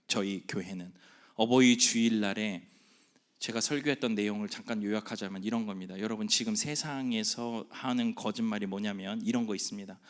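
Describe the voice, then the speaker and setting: A middle-aged male pastor preaching a sermon in a church hall. He asks loud emphatic questions, drops into quiet asides, and acts out the voices of nagging mothers and worldly critics. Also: mid-range voice.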